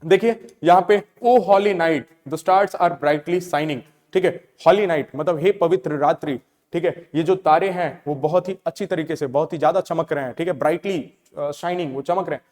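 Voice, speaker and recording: High-voiced male teacher, reverberant room. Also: a little mellow. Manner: explains in Hindi mixed with English, often checking "theek hai"; reads English definitions slowly. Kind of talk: classroom lecture.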